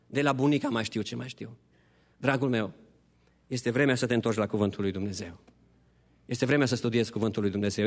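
A man preaching an Easter sermon as a pastor, passionate, shifting between hushed appeals and high pleading. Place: church hall. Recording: long church hall reverb.

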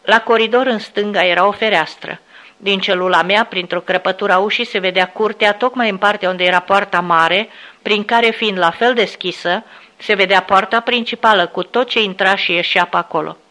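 A woman reads a memoir aloud in a steady, solemn way. Her voice sits at a middle pitch and sounds bright and forward. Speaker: narrator.

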